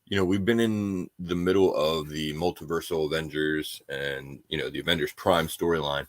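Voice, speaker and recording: Male co-host, very low voice, dry recording, relaxed and hesitant casual chat. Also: normal speed, dry recording. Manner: easygoing, hesitant, many "you know"s. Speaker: comic podcast co-host.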